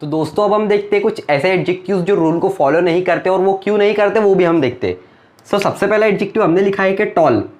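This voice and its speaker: Speaking quickly in a darkish, fairly high voice, a young man gives a grammar lesson at a board. His tone is patient and explanatory as he asks question after question, then supplies the answers.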